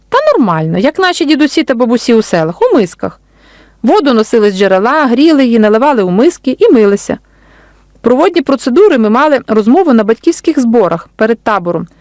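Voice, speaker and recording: A woman author reading her storybook aloud in a gentle, unhurried way. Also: on the high side, dry recording, studio quality. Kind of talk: storybook narration.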